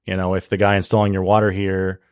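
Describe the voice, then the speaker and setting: Low-voiced sales guy, relaxed, lots of ums, dry mic. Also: fast, clean tone, no room sound. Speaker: inside sales team member. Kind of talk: casual chat.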